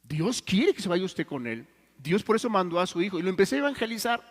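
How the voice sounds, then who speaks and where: High-voiced preacher in a reverberant church. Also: male voice, big pitch swings, fast. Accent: Mexican Spanish. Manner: earnest storytelling preacher, swings from loud to hushed. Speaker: pastor. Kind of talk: sermon. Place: church hall.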